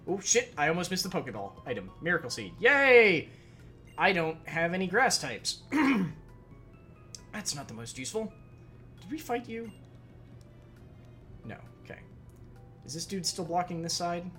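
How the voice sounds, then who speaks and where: A man hosting a let's play who rambles casually and swears now and then as he plays. His voice is bright and a touch high, with faint game music underneath. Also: big pitch swings, moderate pace, pauses often. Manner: rambling, swears, reads game text aloud. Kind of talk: casual gameplay commentary.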